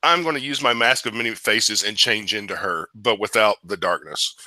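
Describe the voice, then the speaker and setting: A man playing in a tabletop game, animated and improvising casually. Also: lowish voice, moderate pace, dry recording, poor audio. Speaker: player. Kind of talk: casual tabletop role-play.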